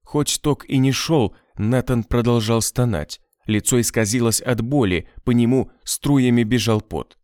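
A man narrating an audiobook in an expressive, scripted manner. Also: medium pitch, measured pace, few pauses, no room sound, clean studio sound.

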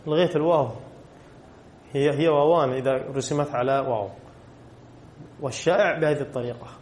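A man's voice: a little high, a little hiss or hum. A man teaching a class in an echoey room. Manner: asks the class questions and answers them himself, repeats key rules. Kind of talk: classroom grammar lesson.

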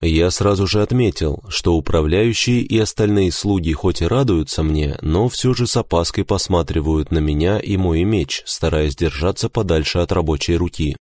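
Deep-voiced man reading a novel. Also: moderate pace, few pauses, darkish tone, dry recording, studio quality. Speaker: audiobook narrator. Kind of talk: first-person audiobook narration.

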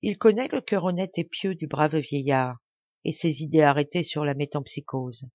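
A woman narrating a fable in an audiobook, reading in a measured, even way. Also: sits low, no room sound, highs cut off. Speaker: audiobook reader. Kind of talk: storybook narration.

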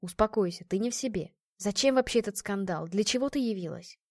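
A woman reading the part of a weary young nobleman, guilty and apologetic, speaking low and subdued in an audiobook. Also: brisk, no echo, studio quality, close to an everyday voice.

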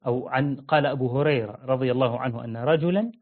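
A man giving an interactive religious lesson, quizzing listeners with repeated questions and slowing down to stress key phrases. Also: medium pitch. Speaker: religious teacher. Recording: narrow phone-like audio.

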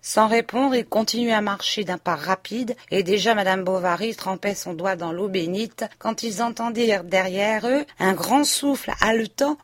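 A woman reading a classic novel aloud as an audiobook narrator, in a measured, even storytelling manner. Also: medium pitch, no room sound. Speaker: audiobook reader. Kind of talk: scripted literary narration.

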